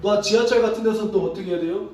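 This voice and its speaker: High-voiced pastor quizzing his congregation. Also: rapid-fire. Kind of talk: interactive sermon. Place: church sanctuary. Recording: echoey hall, distant mic.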